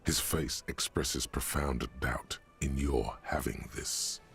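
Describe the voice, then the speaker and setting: A wry, all-seeing narrator for a video game, speaking straight to the player in the second person. The voice sits extremely low and rumbles with heavy fry. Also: male voice, steady tone, takes it slowly, a bit bright, soft background music, heavily acted. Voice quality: very deep, gravelly. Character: gravelly omniscient male game narrator, wry.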